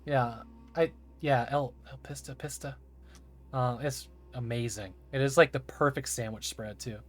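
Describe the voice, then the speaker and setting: A man's voice: medium pitch, fairly even intonation, a little slow, soft background music. A man streaming a game, chatting casually and enthusiastically with laughing asides. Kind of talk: casual live-stream chat while playing.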